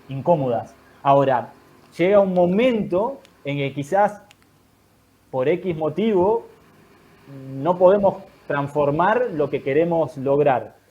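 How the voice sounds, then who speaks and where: A man, a guest in an online talk, giving calm, thoughtful advice in measured explanatory phrases. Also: a little high, highs cut off. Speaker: guest speaker.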